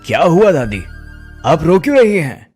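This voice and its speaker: A man's voice: on the high side, sing-song, moderate pace, a little mellow, faint music behind. A man voicing a greedy, scheming young goat thief who wheedles and mocks with a sly tone. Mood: mock-sympathetic.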